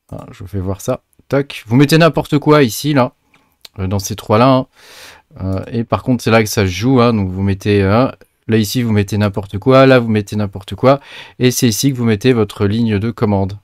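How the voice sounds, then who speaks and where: A man's voice: on the low side, no echo, clean studio sound. A man hosting a casual screen-share tutorial, chatty and hesitant, with many filler sounds and restarts as he talks viewers through each step. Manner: chatty, addresses viewers directly. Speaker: crypto mining tutorial host.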